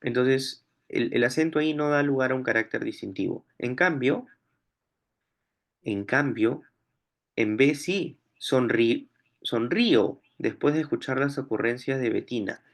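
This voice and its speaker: A man teaching a lesson, reading out exam questions and then reasoning through each option aloud. His voice sits at an ordinary middle pitch, and he speaks in a patient, explanatory way, often asking questions and answering them himself. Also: unhurried. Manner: explanatory, thinks aloud while solving. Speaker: language teacher.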